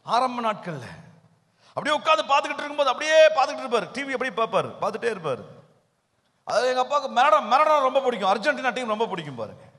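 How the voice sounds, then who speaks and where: High, bright-voiced preacher in a hall. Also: male voice, big pitch swings, rapid-fire. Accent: Tamil Nadu. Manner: questions the crowd often, with sudden loud bursts. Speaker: preacher at a youth camp. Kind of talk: sermon. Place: large hall at a hillside camp. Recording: long hall reverb.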